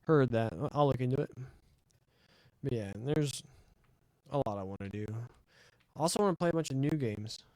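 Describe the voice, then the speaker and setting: A man streaming a game, chatting excitably and answering his chat with casual fillers. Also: mid-range voice, normal speed, pauses often, dry recording, low-quality recording. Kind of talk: casual let's-play commentary.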